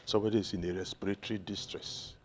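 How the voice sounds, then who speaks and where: A man with a Nigerian accent, a doctor answering interview questions in a measured way that lists examples one by one. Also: lowish voice, little pitch movement, a crowd in the background. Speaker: doctor, consultant guest.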